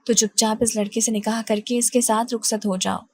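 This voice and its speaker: Woman reading as a scolding middle-aged stepmother, accusing tone, fairly high voice, dry sound. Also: fairly even intonation, darkish tone, no echo. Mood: scornful.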